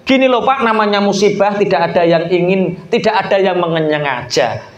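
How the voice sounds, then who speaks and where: A man's voice: high voice, animated, brisk, roomy sound. A male preacher voicing a friendly, talkative townsman who apologizes and reassures, with a Javanese accent. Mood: reassuring.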